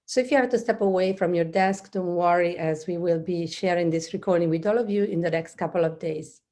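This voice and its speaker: A woman's voice: fairly low pitch, fairly quick, mellow. A middle-aged woman hosting a webinar on a webcam video call. She speaks in a friendly way, with hesitant fillers and small restarts. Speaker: webinar host.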